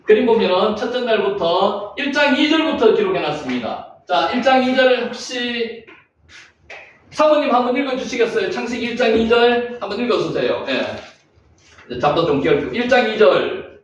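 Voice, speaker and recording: Male Bible teacher, very high voice, repeats and quizzes, echoey far-off lo-fi recording. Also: lively intonation, moderate pace, a little hiss or hum. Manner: repetitive, drilling students with questions. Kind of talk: classroom lecture. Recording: echoey room, distant lo-fi mic.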